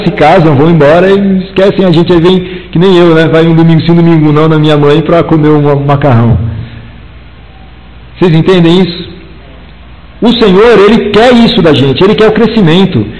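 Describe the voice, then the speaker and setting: A middle-aged man, teaching a church Bible class in a chatty way, telling personal stories and acting out the dialogue with big swings in pitch. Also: darkish tone. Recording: long reverb of a hall.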